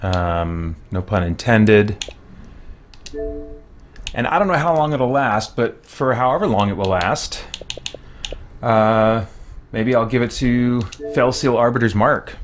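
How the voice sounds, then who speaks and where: Hosting a gaming livestream, a man thinks aloud in a hesitant, unscripted ramble of casual gameplay commentary. His medium-pitched voice is slow with long pauses, over background music and slight background noise.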